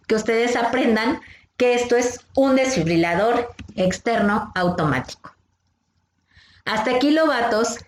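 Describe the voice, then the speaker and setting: Lady teaching cub scouts first aid, patient, step by step, echoey room. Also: medium pitch. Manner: patient, explains step by step, asks the kids questions. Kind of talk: teaching a children's class.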